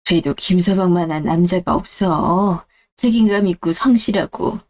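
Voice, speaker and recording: Frail old mom in an audio drama, soft and sorry all the time, voiced by a woman. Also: fairly low pitch, normal speed, voice pushed down, lightly acted. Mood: apologetic. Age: older. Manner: meek, apologetic. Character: frail elderly mother, sick and apologetic.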